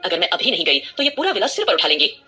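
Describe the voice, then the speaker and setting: A woman doing a sharp-witted undercover young woman. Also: fairly low pitch, big pitch swings, soft background music. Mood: polite. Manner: mock-annoyed, rapid talk.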